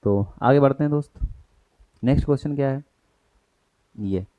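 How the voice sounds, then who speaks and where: A man's voice: medium pitch, moderate pace, mellow, no room sound, rough recording. A man with an Indian accent teaching an exam-prep grammar lesson, explaining in Hindi with English terms and asking and answering his own questions.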